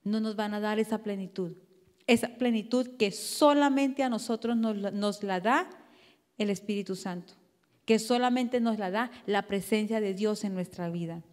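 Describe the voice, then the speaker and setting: A woman from Colombia with a Colombian Spanish accent, preaching a sermon in a lively conversational way, asking the congregation questions. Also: medium pitch, normal speed, long reverb tail. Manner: animated, conversational preaching with rhetorical questions and acted quotes. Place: church hall.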